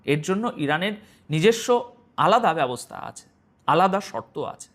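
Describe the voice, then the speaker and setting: A man's voice: a little high, moderate pace. A man presenting international news commentary, speaking straight to his viewers and asking them rhetorical questions. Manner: animated, rhetorical questions to the audience.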